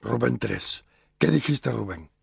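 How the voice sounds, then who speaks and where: A raspy, gravel-throated hothead who keeps pressing for a fight. His voice is rough and breathy, and it rises and falls sharply as he repeats his demands. The sound is dry and close, as in a radio comedy sketch. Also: mid-range voice, expressive, slow, no echo, exaggerated voice. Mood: menacing. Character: hot-headed man spoiling for a fight.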